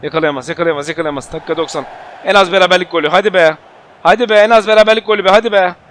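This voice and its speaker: A man streaming his football video game, shouting at players and the referee and muttering to himself while he changes tactics. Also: high voice, rapid-fire, a little hiss or hum. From Turkey. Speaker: gaming YouTuber. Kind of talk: live gameplay commentary.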